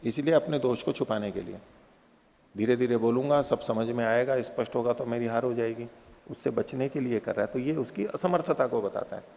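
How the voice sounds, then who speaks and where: A man teaching Nyaya philosophy in a spoken lecture. He recites Sanskrit aphorisms slowly and then explains them with everyday examples. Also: medium pitch, vocal fry, a little mellow, in a large hall.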